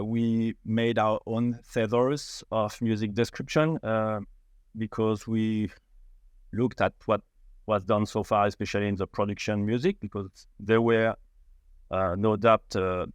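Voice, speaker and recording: A middle-aged startup founder from France, with a French accent and a fairly low voice, guests on a podcast interview. He talks haltingly, with many fillers and restarts, in a clear, resonant tone. The sound is close and dry, with no room around it.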